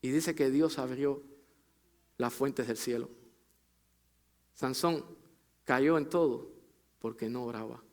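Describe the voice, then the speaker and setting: A man preaching a sermon to his congregation, calling them brother and sister, pushing his phrases up with emphasis and letting them fall low and soft at the end. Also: takes it slowly, pauses often. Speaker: pastor.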